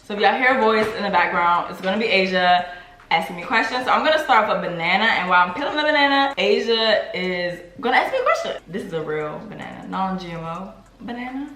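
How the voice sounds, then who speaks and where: A woman's voice: mid-range voice, lively intonation, quick pace, fairly bright tone. A young adult woman hosting her own vlog, chatting casually and laughing while she eats. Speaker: vlogger host. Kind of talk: casual chat while eating. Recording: roomy home recording.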